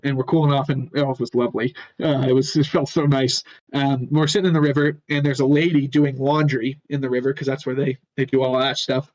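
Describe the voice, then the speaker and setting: A young man on a podcast telling a long casual story, rambling and halting and chuckling often. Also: medium pitch, no echo, muffled recording. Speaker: podcast co-host.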